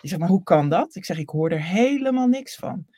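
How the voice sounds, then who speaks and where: A woman's voice: on the low side, a little fast, slightly rough, no room sound, studio quality. A woman voice coach in a casual interview, telling stories and acting out the dialogue. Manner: animated storyteller acting out dialogue.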